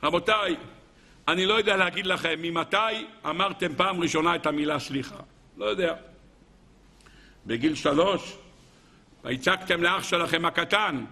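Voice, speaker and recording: A man delivers a sermon to a gathered audience, his voice gravelly and edged with fry. He keeps asking the listeners rhetorical questions and acts out short everyday dialogues. His tone is bright and sharp. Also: a little high, pauses often. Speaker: religious lecturer.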